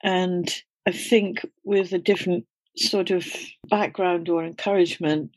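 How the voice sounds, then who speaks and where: An older woman from Scotland, a guest in an interview, reflecting on her life in an unhurried storytelling way. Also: on the low side, steady tone, dry recording. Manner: reflective, storytelling, slight laughs. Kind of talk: conversational interview.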